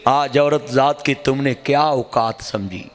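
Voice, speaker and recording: Punjabi preacher man, smooth clear voice, emotional sermon, sometimes sings lines. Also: medium pitch, takes it slowly. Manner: impassioned, tearful storytelling with sung phrases. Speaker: Islamic preacher.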